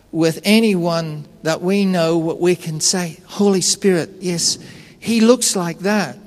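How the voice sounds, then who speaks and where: A man preaching a sermon in an unhurried, conversational and personal way, telling stories. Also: high-pitched, big-room sound. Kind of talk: sermon with storytelling.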